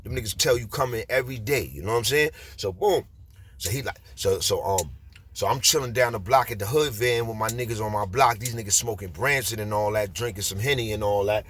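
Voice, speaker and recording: A man's voice: on the low side, brisk, fairly bright tone, slight background noise. A man with a Bronx accent telling a street story casually, rambling with slang and frequent fillers. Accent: New York Bronx.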